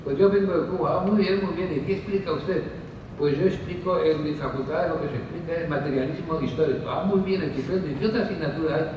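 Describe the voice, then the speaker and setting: A man's voice: on the high side, quick pace. Man speaking in a reverberant hall. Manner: discursive, with frequent fillers and asides. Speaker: panel speaker. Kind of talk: conference talk. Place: conference hall. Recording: distant mic in echoey hall with noise.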